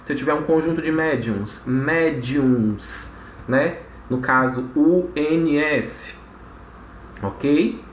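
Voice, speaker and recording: A man's voice: fairly high pitch, slow. A man teaching a recorded grammar lesson, explaining step by step and checking in with frequent tag questions. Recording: echoey room with faint noise.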